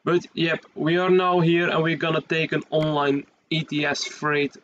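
A young Belgian man, a native Dutch speaker with a Dutch accent, gives casual gameplay commentary in English as a gaming YouTuber. His fairly high voice is flat and plainly delivered at normal speed, hesitant and full of fillers, and the dull audio sits over loud in-game truck engine and road noise.

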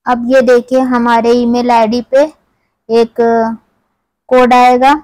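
A woman's voice: fairly high pitch, monotone, takes it slowly, a little mellow, clean tone, dry recording, rough recording. A woman host from India walking viewers step by step through an app in a conversational tutorial voice-over. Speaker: tech tutorial channel host. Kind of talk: screen-recorded app tutorial.

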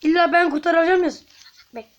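A woman commenting while playing a video game, chatting to her viewers and bursting into frustrated shouts. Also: very high voice, steady tone, a little fast, dull audio. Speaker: gaming YouTuber. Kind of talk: let's-play commentary.

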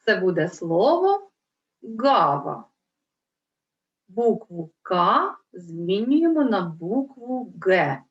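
Slow, lively-voiced woman teaching children. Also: medium pitch, distant mic. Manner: clear, drawn-out syllables, coaxing questions. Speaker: primary school teacher. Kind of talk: slow reading lesson for young children. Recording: roomy, dull lo-fi recording.

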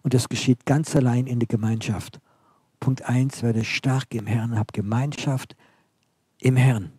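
A man preaching a sermon, emphatic, building on short repeated phrases and often dropping to a quiet, intense delivery. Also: medium pitch, steady tone, unhurried, breathy edge, dry recording, clean studio sound.

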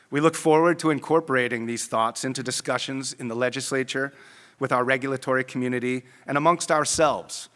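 A middle-aged man at a conference podium, giving prepared welcome remarks in a measured, formal way. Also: mid-range voice, fairly bright tone. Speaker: conference host. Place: large conference ballroom. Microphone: podium microphone. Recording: long hall reverb.

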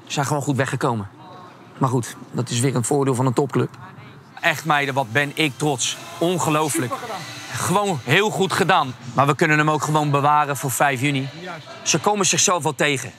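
Hesitant football coach. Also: male voice, fairly high pitch, normal speed. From The Hague, Netherlands. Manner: hesitant with many fillers when talking, shouting loudly on the sideline. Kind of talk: documentary interview and sideline coaching.

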